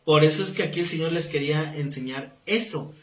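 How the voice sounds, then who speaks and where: This man's voice is a little high and fairly bright, and he speaks slightly fast. He leads a live-streamed Bible class conversationally, frequently asking listeners questions, in a roomy recording with faint background noise.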